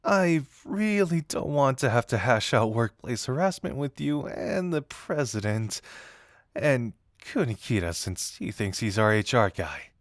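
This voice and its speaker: A man takes on the role of a flirtatious male detective revealing himself as a secret admirer in a romantic audio roleplay. His mid-range voice moves at a measured pace, swooping and lively, teasing yet earnest with shy pauses, in a close, dry recording.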